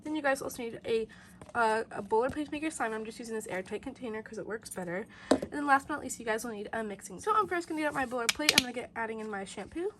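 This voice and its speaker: A young woman with a head cold speaks quickly in a fairly high voice, hosting a casual slime and toy tutorial from her bedroom. The toy and slime channel host is bubbly and upbeat, repeating "you guys," while a loud air conditioner hums in the background.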